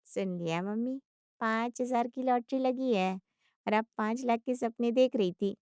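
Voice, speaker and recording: A woman voicing a sharp, quick-witted adult daughter who questions briskly. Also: a little high, smooth, no room sound, studio quality, lightly acted. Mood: probing.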